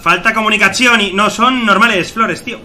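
A man giving excited, shouty team callouts while playing an online game. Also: high-pitched, a little hiss or hum. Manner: rapid, shouty, exclamatory. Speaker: gaming streamer playing with friends.

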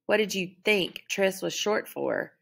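A woman's voice: medium pitch, measured pace, gravelly, fairly bright tone, slightly rough, heavily acted. A woman voicing a sneering teenage girl bully with a nasal voice, drawing out mocking taunts in an audiobook reading.

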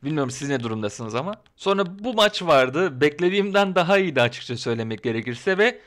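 A man giving his casual opinions in a vlog, talking in an excitable, ranting, colloquial way. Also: fairly high pitch, quick pace. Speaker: wrestling commentary vlogger.

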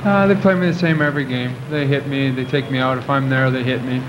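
A man's voice: medium pitch, fairly even intonation, fast, highs cut off. A young man in his twenties answering questions after a game. He rambles, with many fillers and restarts. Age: 20s. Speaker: athlete at a post-game press conference. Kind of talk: post-game press conference answers. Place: press conference room. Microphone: table microphones at the podium. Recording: noisy old video recording.

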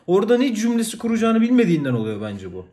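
High, lively man chiming in. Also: very fast. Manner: brief agreeing interjections, playful. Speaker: podcast co-host. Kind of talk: casual podcast chat.

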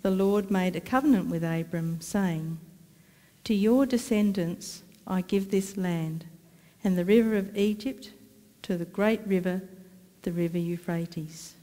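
A middle-aged woman with an Australian accent, reading scripture aloud in a measured, careful way at a church lectern. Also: lowish voice, warm tone. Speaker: scripture reader. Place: church sanctuary, indoors. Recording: long church reverb.

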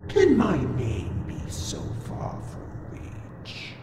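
A woman playing a gloating, contemptuous demon in a rotting corpse for a horror game, breathy, distorted and theatrical. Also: medium pitch, huge pitch swings, heavily acted. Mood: scornful, raging. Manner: slow, theatrical, menacing. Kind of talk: horror video game acting. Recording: echoing, noisy game audio.

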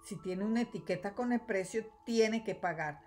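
A woman's voice: medium pitch, normal speed, a little mellow, faint music behind, close to an everyday voice. A woman voicing an insistent male store cashier in a storybook read-aloud, matter-of-fact and firm.

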